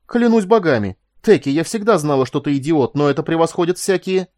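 A man's voice: fairly high pitch, expressive, a little fast, dry recording, clean studio sound, voice pushed up, natural voice. A man doing a furious stern female officer. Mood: indignant. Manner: sharp and indignant. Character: angry stern woman security officer.

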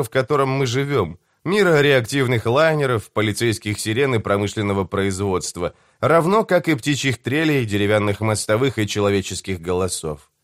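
A man giving a measured, deliberate first-person reading of a novel as an audiobook narrator. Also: medium pitch, dry recording, studio quality.

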